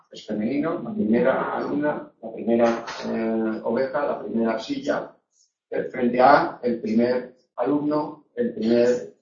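A man with a medium-pitched, darkish voice teaches Spanish grammar live online, joking on the side and constantly asking "eh?" or "no?". The recording sounds far off, echoey and muffled by the room.

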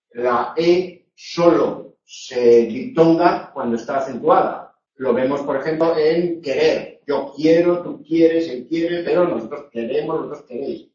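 A man's voice: a little high, darkish tone. A man from teaching a live online grammar lesson, explaining with jokey asides and checking in often with "eh?" and "no?". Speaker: Spanish language teacher. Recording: echoey, distant, dull room sound.

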